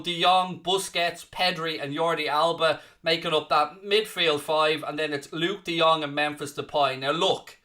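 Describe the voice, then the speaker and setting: A high, sharp male voice belongs to an Irish man from southeast Ireland. He's the stand-in host of a live football watchalong, casually working through the chat's comments with cheeky back-and-forth.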